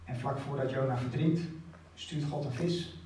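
A man's voice: mid-range voice, fairly even intonation, moderate pace, mellow. A man giving a conversational sermon, retelling and reading scripture aloud. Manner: conversational, with fillers and restarts, reads passages aloud. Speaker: preacher. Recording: very echoey hall, voice far off, faint room hum.

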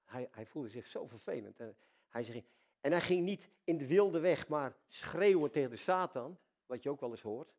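An older man preaching a sermon at a middle pitch. He speaks of God as his dad and moves from hushed, intimate asides to loud, excited bursts. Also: moderate pace. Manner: animated, swings from soft intimate asides to loud exclamations; addresses God casually as dad.

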